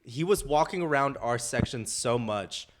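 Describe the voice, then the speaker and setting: A man's voice: medium pitch, expressive, normal speed, slight background noise. A young man on a casual podcast, telling a long story full of fillers and swearing. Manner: rambling storyteller, swears freely, many fillers. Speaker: podcast co-host.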